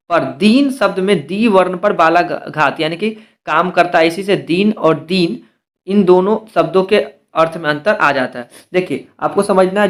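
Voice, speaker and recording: High-voiced male grammar teacher explaining. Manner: explains step by step, slows to spell out letters and asks rhetorical questions. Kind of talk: exam-prep grammar lesson.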